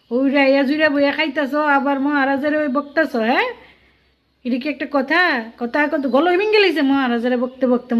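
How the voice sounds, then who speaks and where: A woman delivering a sarcastic political rant full of rhetorical questions. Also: high voice. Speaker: political vlogger. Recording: dull lo-fi audio.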